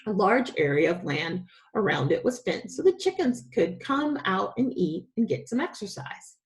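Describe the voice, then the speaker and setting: A woman, acting as a teacher, reads a children's story aloud with expressive, dramatic storytelling. Her voice is mid-range and her speed normal.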